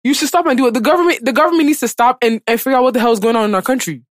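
A woman's voice: fairly high pitch, rapid-fire, no echo. Emphatic woman podcaster, close dry sound. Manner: emphatic, repeats phrases for stress. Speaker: podcast host. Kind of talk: impassioned casual podcast talk.

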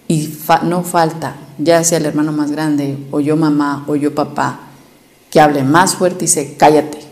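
Woman, low mellow voice, earnest advice talk acting out quoted voices. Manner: earnest, acts out quoted voices, varies loudness for emphasis. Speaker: speaker giving family advice. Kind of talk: motivational talk to listeners.

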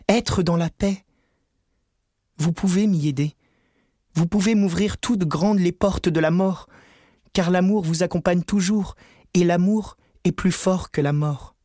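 A man's voice: high voice, dark tone, no echo, clean studio sound. A man voicing a weary, sorrowful old male ghost who speaks in a dreamy, mournful, pleading way.

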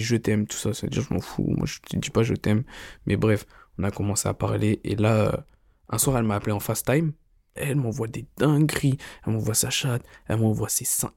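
A man's voice: on the low side, creaky, a little mellow, no room sound, studio quality. A young man telling a crude story casually, in slangy rambling talk full of fillers.

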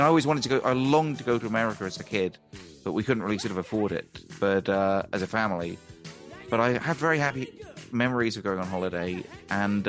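A man's voice: mid-range voice, a bit bright. A man telling a rambling, chatty story as a podcast guest, laughing often. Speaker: guest musician and ukulele teacher. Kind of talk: casual storytelling.

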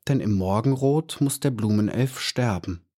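A man's voice: mid-range voice, moderate pace, darkish tone, natural voice. A man voicing a small, eager young female bee in a storybook reading, speaking with wonder. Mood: wistful.

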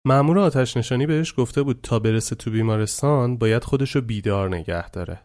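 A male storyteller narrates a dramatic story in a vivid, conversational manner. His voice is mellow and warm, with a dark tone. He has an ordinary pitch.

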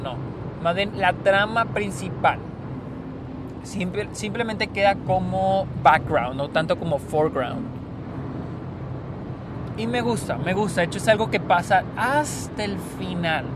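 Male podcast host, northern Mexican accent, high-pitched voice, informal and sweary monologue, recorded in a car with noticeable driving noise. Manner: informal and slangy, swearing freely. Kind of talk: casual solo podcast monologue about films. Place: inside a car driving on a highway. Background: vehicle and road noise.

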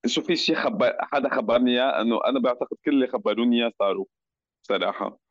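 A man's voice: medium pitch, rapid-fire, no room sound, highs cut off. A man with a Levantine Arabic accent chatting casually as a guest, searching for words and mixing in some English. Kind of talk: casual chat.

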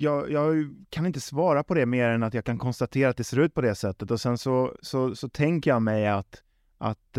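A man with a mid-range, somewhat dark voice, recorded dry and clean in a studio. He is a football club's sporting executive being interviewed, and he answers conversationally, often repeating and rephrasing words as he thinks things through.

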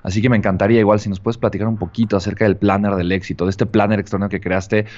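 A man's voice: lowish voice, little pitch movement, rapid-fire, a little mellow. A man speaking as a guest in a casual interview conversation, talking in a hesitant way with many restarts. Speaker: podcast guest. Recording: dull lo-fi sound.

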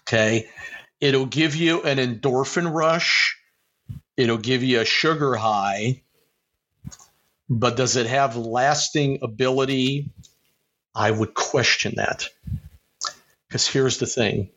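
A man's voice: medium pitch, takes it slowly, pauses often, a bit bright, highs cut off. A man from Ohio giving earnest, motivational advice as a podcast guest, with a preacherly way of talking. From Ohio, USA. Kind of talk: casual interview talk.

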